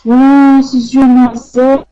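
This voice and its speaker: Slow, mellow-voiced French teacher. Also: high-pitched, level tone, clear, resonant tone, lo-fi sound. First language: Arabic. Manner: slow and hesitant, many fillers, repeats corrections patiently. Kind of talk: live online language class, correcting students' sentences. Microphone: computer microphone in an online class.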